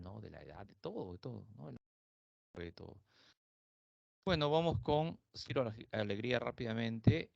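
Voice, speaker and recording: A male literature teacher from Peru gives a conversational lecture, full of tag questions. His voice is low and gravelly. The recording is dull and dry, with a lo-fi sound. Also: dry recording.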